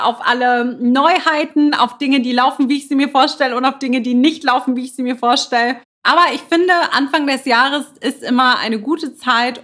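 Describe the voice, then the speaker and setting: German woman doing a motivation podcast, fairly high voice, earnest and emphatic, talks off the cuff. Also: a bit bright. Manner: earnest, emphatic, repeats phrases, laughs lightly. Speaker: podcast host. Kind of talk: motivational podcast monologue, unscripted.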